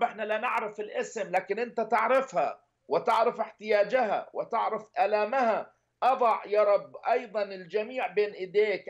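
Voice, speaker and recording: High-voiced man in earnest prayer. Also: highs cut off. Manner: earnest, pleading, repetitive petitions. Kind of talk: intercessory prayer.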